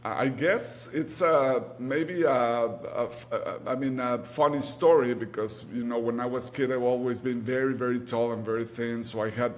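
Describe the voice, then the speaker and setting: This man, an orthopedic surgeon from Mexico City whose first language is Spanish, answers an interviewer in Mexican-accented speech, hesitant and repeating words for emphasis. His pitch is medium and his intonation fairly even, at a moderate pace with hardly any pauses.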